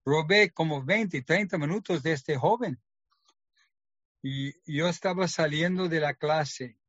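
Man telling a story, higher voice. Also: unhurried, fairly bright tone, no room sound, highs cut off. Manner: earnest storytelling, acting out quoted dialogue. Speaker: testimony speaker. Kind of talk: personal testimony.

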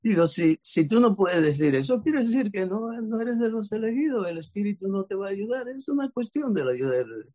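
Husky guy telling church friends a story, does everyone's lines. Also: sits high, brisk, few pauses. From Cuba. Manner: lively retelling, acts out quoted dialogue. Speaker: church member sharing testimony. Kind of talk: casual storytelling testimony.

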